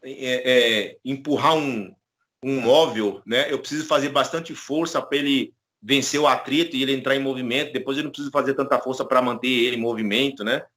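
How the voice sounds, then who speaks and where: A man's voice: mid-range voice, fairly even intonation, brisk, fairly bright tone. A man with a Brazilian Portuguese accent teaching an online electronics class, explaining patiently and checking in often with the students. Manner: explanatory, many "tá?" and "né?" tags.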